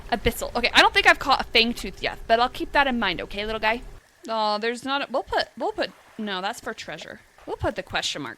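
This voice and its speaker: Woman gamer, bright crisp voice, playful chatty commentary with quick asides, pitched a little high. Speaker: gaming video creator. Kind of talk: gameplay commentary, reading game text aloud.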